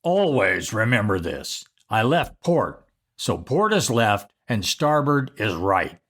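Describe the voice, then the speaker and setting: A man putting on a gruff fishing skipper, barking orders, lively pitch. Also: slow, exaggerated voice. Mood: stern. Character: gruff commanding male boat skipper.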